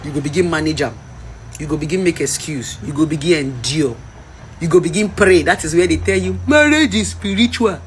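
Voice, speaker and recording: A woman's voice: deep voice, fairly quick, a little hiss or hum. Impassioned Nigerian woman in her thirties. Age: 30s. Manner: impassioned, preachy, mixes in Pidgin. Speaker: vlogger. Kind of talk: opinion commentary rant.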